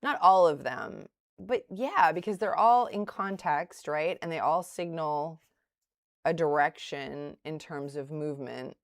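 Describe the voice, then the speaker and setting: Her voice sits low and her pace is measured, captured in clean studio sound without echo. A middle-aged woman from the Boston area with a light Boston accent, she gives live commentary as she trades on her stream, stumbling into restarts and tossing in laughing asides.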